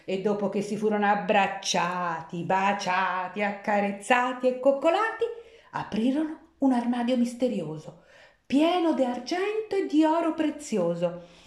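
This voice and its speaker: A woman telling a fairy tale in rhymed verse, with an expressive, sing-song reading. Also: medium pitch. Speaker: storyteller. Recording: echoey room.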